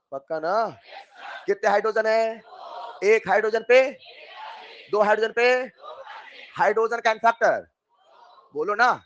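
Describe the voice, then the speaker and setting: A man teaching chemistry in an online class, coaxing his students with repeated questions and bursting into loud emphasis. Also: sits high. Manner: coaxing, repeats questions to students, calls them dear children. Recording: dull lo-fi sound.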